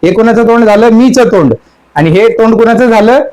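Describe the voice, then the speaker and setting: High-voiced man preaching in questions. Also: brisk, darkish tone, rough recording. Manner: asks the audience question after question; repeats the song line again and again. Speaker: spiritual teacher. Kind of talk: sermon explaining song lyrics.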